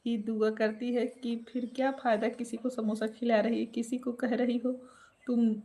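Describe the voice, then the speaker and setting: A woman with an Awadhi accent chats casually on a phone live stream from home. Her voice sits a little high, and she teases her viewers playfully as she greets them one by one. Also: a bit bright.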